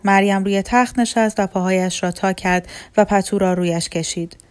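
A woman from Iran narrating a novel in a calm, measured audiobook reading. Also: mid-range voice, clean tone.

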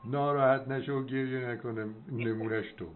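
A man's voice: mid-range voice, fairly even intonation, faint music behind. A man speaking didactically and affirmingly in an advisory conversation over a landline phone. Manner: didactic, affirming, recites verse. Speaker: doctor hosting the call. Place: telephone call. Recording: narrow landline phone, noisy line.

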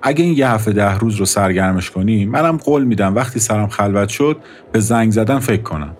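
A man's voice: fairly low pitch, animated, a little hiss or hum, lightly acted. Man voicing a cool, sardonic young woman. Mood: dry, matter-of-fact. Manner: dry, quietly mocking, matter-of-fact.

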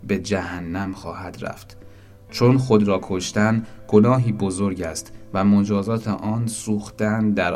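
Guy voicing a sad old bridge, low gentle voice, slow and kind. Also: close to an everyday voice. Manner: slow, sorrowful, patient. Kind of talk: storybook narration.

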